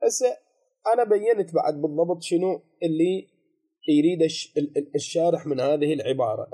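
Husky, very dark-voiced Iraqi man teaching. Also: a little high. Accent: Iraqi Arabic. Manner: explanatory, poses rhetorical questions and repeats key phrases; reads quoted text slowly and deliberately. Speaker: religious law teacher. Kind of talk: seminary lesson explaining a legal text.

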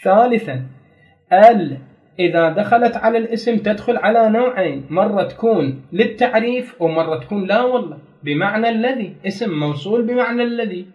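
A man's voice: high voice, animated, brisk, muffled recording. A man teaching a grammar lesson, explaining step by step, repeating key terms and putting questions to his students. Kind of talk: classroom lecture.

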